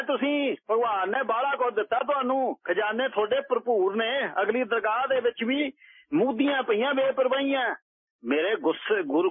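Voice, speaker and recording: A man's voice: sits high, slightly rough, no room sound, pitched above the performer's own voice. A man voicing a brash, drunken old wandering holy man who mocks and insults everyone. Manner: bold, mocking, shouting insults. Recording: tinny phone-like radio line.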